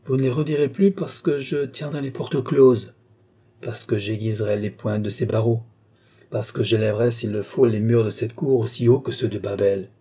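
A cold, controlling enchanter, as a male audiobook reader plays him, speaking with measured, ironic menace. His voice is husky and dark, with a mellow warmth under the threat. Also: medium pitch, fairly even intonation, close to an everyday voice. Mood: menacing. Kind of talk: audiobook character reading.

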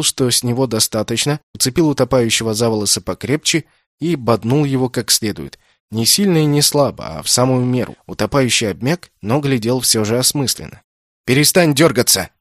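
A man reading a novel aloud as an audiobook narrator, telling the story in an even, measured way. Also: mid-range voice, no echo, studio quality. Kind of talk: scripted narration.

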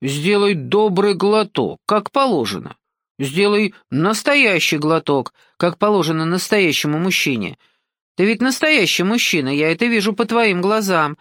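A woman reading an audiobook and voicing a sly, domineering older African man who talks slowly and patronizingly. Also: on the low side, expressive, a bit bright, no room sound, studio quality. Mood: coaxing, sly. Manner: slow, coaxing, patronizing, keeps saying "son".

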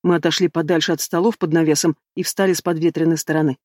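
A man narrating an audiobook in a measured, even reading style, close to the mic. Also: a little high, dry recording. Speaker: audiobook reader. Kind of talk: scripted narration.

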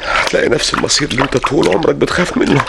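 A man's voice: fairly high pitch, racing, creaky, heavy background noise. An actor with an Egyptian Arabic accent playing a desperate man drowning and crying out for the woman he lost, in a radio play. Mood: despairing. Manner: frantic, anguished, pleading.

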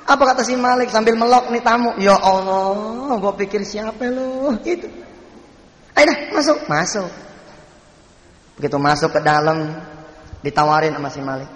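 A male preacher with a Jakarta Betawi accent telling a story in a sermon, animated, swinging between high exclamations and soft asides. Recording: echoey hall reverb.

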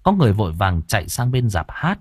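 A man narrating a dramatic story as an audiobook reader, expressive and swinging in pitch. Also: fast talker, breathy edge, no echo, clean studio sound.

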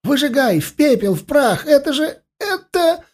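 A man's voice: very high-pitched, very animated, slow pace, breathy edge, pitched above the performer's own voice, heavily acted. A man voicing a frantic male elf archer who shrieks in panic.

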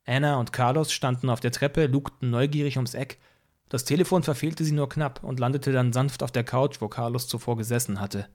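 A male audiobook narrator with a mid-pitched voice. He tells the story in a calm, even way, in the first person. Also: fairly quick. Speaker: audiobook reader.

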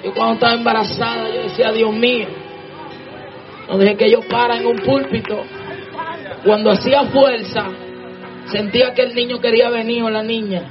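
A woman preaching with fervour, her voice climbing into shouts. The recording is muffled and lo-fi. Music plays clearly behind her. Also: fairly high pitch, steady tone, normal speed, pauses often. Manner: impassioned, often shouting. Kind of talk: fervent sermon. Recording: dull lo-fi sermon recording with music. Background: music playing.

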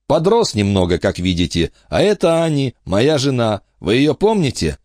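A man's voice: medium pitch, sing-song, moderate pace, darkish tone, no echo, clean studio sound, voice pushed up, close to an everyday voice. A man voicing an eager, earnest young father in a storybook reading. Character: grateful young red-haired father.

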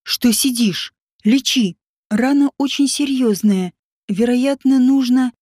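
A woman's voice: sits high, moderate pace, dark tone, no echo, studio quality. A woman reading the part of an arrogant, spoiled young princess in a storybook, haughty and demanding.

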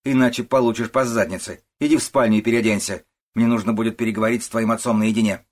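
A man with a husky voice voicing a harsh, scolding old working-class mother in an audiobook, shouting and contemptuous. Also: medium pitch, a little fast, pitched above the performer's own voice, close to an everyday voice. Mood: gruff. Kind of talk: audiobook character voice.

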